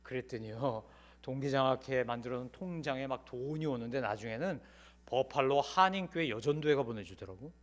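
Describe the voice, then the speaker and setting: A middle-aged man preaching a Sunday sermon in a church, telling personal stories and swinging from loud pleading to hushed asides. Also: medium pitch, expressive, a little fast. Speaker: pastor. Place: church sanctuary.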